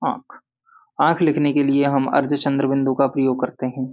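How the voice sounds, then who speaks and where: A man's voice: medium pitch, monotone, fairly quick, muffled recording. A male Hindi grammar teacher giving a lesson, who repeats key words and asks and answers his own questions. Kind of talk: classroom-style grammar lesson.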